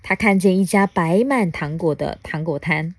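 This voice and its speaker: A mother reading a picture book aloud to her child for a podcast, coaxing and asking gentle questions along the way. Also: fairly low pitch, moderate pace. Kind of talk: storybook read-aloud podcast.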